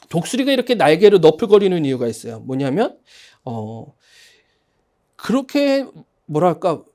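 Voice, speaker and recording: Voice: medium pitch, warm tone. A pastor preaching a sermon in a church sanctuary, telling a story in a chatty way and asking the congregation questions and having them repeat phrases after him. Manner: storytelling, conversational with fillers.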